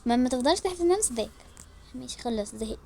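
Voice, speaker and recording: An Egyptian woman telling a role-play family story, switching quickly between the voices of a mother and her children. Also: high voice, expressive, gravelly, a little mellow. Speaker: storyteller voicing all characters.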